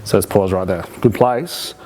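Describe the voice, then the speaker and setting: Man, hypnosis teacher, slightly deep voice, explanatory, conversational, rhetorical questions. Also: normal speed, a little mellow, a little hiss or hum. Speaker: hypnosis instructor. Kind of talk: live teaching demonstration with commentary.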